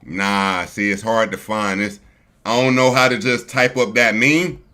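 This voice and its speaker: A streamer hosting a live stream casually reacts to a video, speaking in loose, slangy, chatty talk and addressing his viewers like family. His fairly low voice is steady, a little slow, and pushed with a bright edge.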